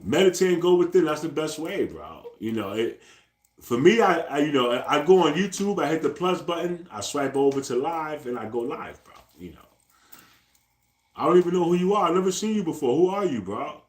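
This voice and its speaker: A man's voice: on the high side, animated, brisk. A man in his forties, chatting casually on a live stream, talking in loose slang, ending nearly every phrase with "bro" and repeating himself to his viewers. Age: 40s. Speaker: livestreamer. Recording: echoey room.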